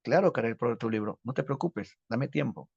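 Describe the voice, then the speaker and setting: A man's voice: mid-range voice, lively intonation, fast talker, vocal fry, darkish tone, breathy edge, no room sound, lo-fi sound, pitched below the performer's own voice. A man doing a haughty, patronizing young writer. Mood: condescending. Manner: condescending, patronizing. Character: haughty, condescending young famous male writer.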